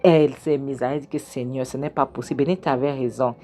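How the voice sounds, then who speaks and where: Woman, low voice, casual film recap, animated storytelling. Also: quick pace, soft background music. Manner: animated, acts out characters' lines. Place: kitchen.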